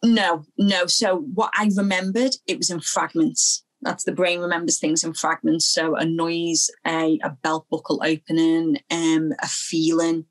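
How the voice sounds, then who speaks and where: A woman's voice: deep voice, level tone, low-quality recording. Earnest young woman from Liverpool. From Liverpool, England. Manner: earnest, halting, repeats phrases as she recalls. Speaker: guest. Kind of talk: personal testimony in an interview.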